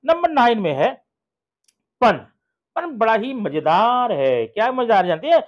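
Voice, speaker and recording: An English grammar teacher, giving a video lesson who repeats examples slowly and asks and answers their own questions. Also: medium pitch, big pitch swings. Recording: dull lo-fi recording.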